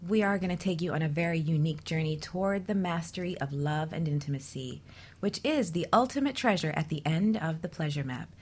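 A woman's voice: sits low, brisk, breathy edge. A woman hosting a radio talk show on relationships, delivering semi-scripted introductions and chat as a host and coach.

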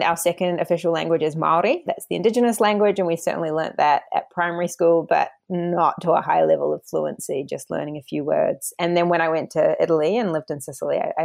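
Low-voiced woman with a broad Kiwi accent. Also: gravelly, a little mellow. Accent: broad New Zealand. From New Zealand. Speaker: interview guest, academic author. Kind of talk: conversational interview answers.

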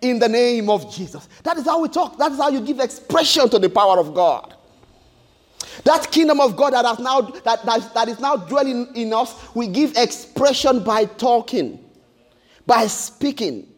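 Male preacher, emphatic sermon delivery, repeats and restarts phrases, very high pitch. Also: animated, moderate pace. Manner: emphatic and repetitive, with stammered restarts.

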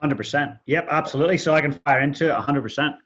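A man's voice: fairly high pitch, very fast, a bit bright. Upbeat Northern Irish man, muffled call. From Northern Ireland. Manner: upbeat, affable. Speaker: guest, leadership coach. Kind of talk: casual interview chat.

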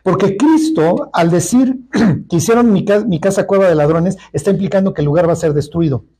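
A man's voice: sits high, fairly quick, dark tone, slightly rough. A man with a Mexican accent teaching a Bible study in a colloquial, joking way, full of asides. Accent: Mexican Spanish.

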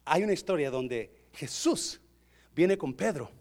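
A man preaches with a notably high voice. He is animated and joking, often turning to the congregation directly. His delivery mixes storytelling and emphatic exhortation. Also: a little slow. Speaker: pastor. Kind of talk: sermon.

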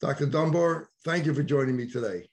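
A middle-aged man with a New York accent, interviewing a colleague in a measured, conversational way. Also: on the high side. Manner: conversational, measured questions with fillers. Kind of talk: professional interview.

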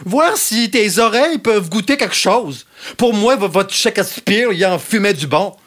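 A woman's voice: medium pitch, expressive, moderate pace, lightly acted. A woman voicing a blunt, clueless male amateur actor with a Quebec French accent, grumbling about his lines.

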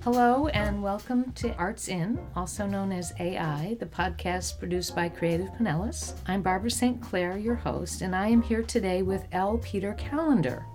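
A woman hosting an arts podcast, asking measured questions of her guest. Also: medium pitch, a little mellow, soft background music. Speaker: podcast host. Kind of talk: podcast interview.

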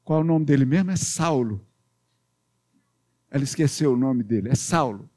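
At a moderate pace and in a mid-range male voice, a pastor with a Minas Gerais accent tells kids a Bible story. He keeps it playful and animated, using sound effects and quizzing the children.

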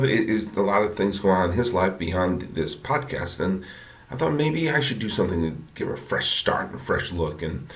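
Deep-voiced man in an echoey bathroom. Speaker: podcast host. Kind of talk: casual rambling monologue. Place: home bathroom, indoors.

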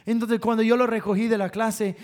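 A man's voice: high-pitched, level tone, brisk, a little mellow. A man preaching a sermon through family stories, emphatic, repeating phrases and chuckling between points.

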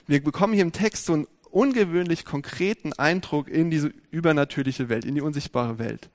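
A man preaching a sermon, speaking lively and directly to his congregation with many rhetorical questions. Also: fairly high pitch, a little fast.

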